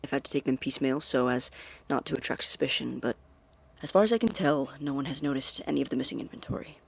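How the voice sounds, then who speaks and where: In an audio drama, an actor plays a secretive, methodical male science student recording a tape diary. His medium-pitched voice is gravelly, husky and expressive, and he speaks fast yet hesitantly, choosing precise words in a guarded mood.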